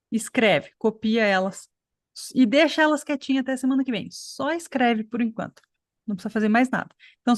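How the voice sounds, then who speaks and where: A woman's voice: on the high side, no room sound, studio quality. A woman from Brazil teaching an online English pronunciation class, explaining patiently and checking in with her students often.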